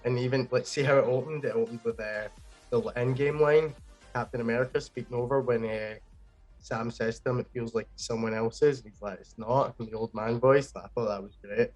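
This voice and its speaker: A man hosting a casual pop-culture podcast, talking with enthusiasm in quick bursts. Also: medium pitch, fairly even intonation, a little mellow, soft background music. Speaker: podcast host.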